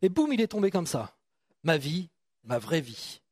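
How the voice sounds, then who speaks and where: A man preaching in a chatty, joking way, often breaking off and starting over as he talks to his congregation. His voice sits high for a man. The sound is close and dry, with no room echo. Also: sing-song, measured pace, husky. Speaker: pastor. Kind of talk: sermon.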